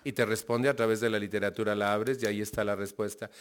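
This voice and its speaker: A man's voice: on the low side, steady tone, fast, clear, resonant tone. A man with a Mexican accent giving a conversational personal testimony to a recovery group, laughing often and checking in with his listeners. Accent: Mexican Spanish.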